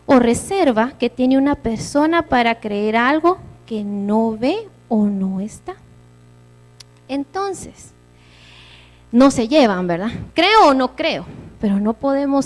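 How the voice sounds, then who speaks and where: A woman giving a church sermon, preaching earnestly and conversationally with personal stories. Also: on the high side.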